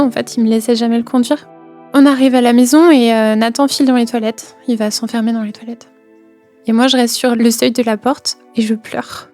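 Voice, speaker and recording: A woman's voice: a little high, a little mellow. A young woman recounting a personal experience, hesitant, with many fillers and repeated words, sometimes dropping to a near whisper. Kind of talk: personal testimony.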